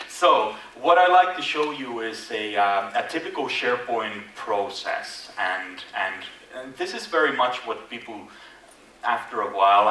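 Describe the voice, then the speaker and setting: This man's fairly low voice has a bright, forceful tone as he gives a conference presentation in a large hall. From Finland, he speaks with a Finnish accent shaded by Irish, keeping things casual and self-deprecating with plenty of fillers and false starts. The recording is echoey, with a distant mic and faint noise.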